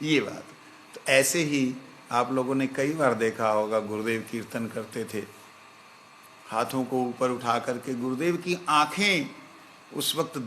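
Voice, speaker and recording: A man giving a slow, reflective devotional talk as a spiritual teacher, now and then breaking into chanted verses. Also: mid-range voice, fairly bright tone, slight background noise. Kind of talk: devotional discourse.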